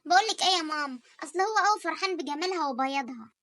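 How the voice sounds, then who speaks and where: A young woman with an Egyptian Arabic accent voicing a jealous, scheming sister in an animated story, quick and sharp-tongued. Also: high-pitched, no room sound.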